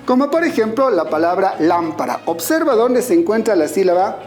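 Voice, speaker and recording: A man with a Bolivian Spanish accent teaches a scripted online lesson. His voice rises and falls a great deal as he explains each point. He speaks clearly and turns to his students with questions. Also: high-pitched, sing-song, normal speed, darkish tone, faint music behind.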